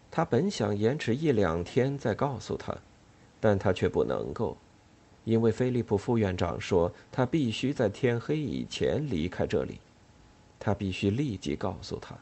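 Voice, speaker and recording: A man's voice: lowish voice, creaky, slightly rough. A man narrating a novel as an audiobook, telling it expressively. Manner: expressive, animated storytelling.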